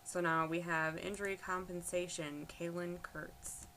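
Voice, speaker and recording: A woman's voice: lowish voice, flat delivery, unhurried, fairly bright tone, low-quality recording. A woman giving casual explanatory narration in an unscripted way. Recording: faint background noise.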